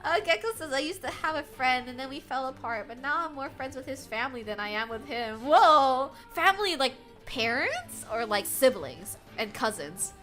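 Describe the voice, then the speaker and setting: Her voice sits high and moves at a moderate pace with few pauses as this young American streamer chats casually with her chat during a game. She laughs often, giggly and animated, over faint game music.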